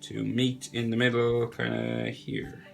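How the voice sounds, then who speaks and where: A young man speaks slowly in a creaky, medium-pitched voice that's nasal from a cold. As a drawing tutor, he narrates the process step by step in a relaxed, chatty way over faint music.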